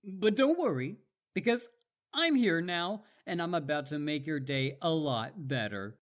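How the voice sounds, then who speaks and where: A man voices an eager young wolf boy who addresses the listener directly in a roleplay drama, his pitch swinging up and down with lively animation at a measured, expressive pace. Affectionate, smitten and cocky, he rambles on and stammers whenever he gets flustered.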